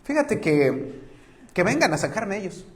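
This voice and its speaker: A self-assured male apostle in a jail cell, put on by a pastor states his complaint calmly and firmly. The voice stays in a lowered register within an acted retelling in a sermon. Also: unhurried. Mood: insistent.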